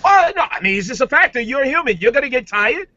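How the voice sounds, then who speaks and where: A man hosting a sports talk show, arguing his points in a casual, animated debate. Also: very high-pitched, quick pace, dry recording, muffled recording.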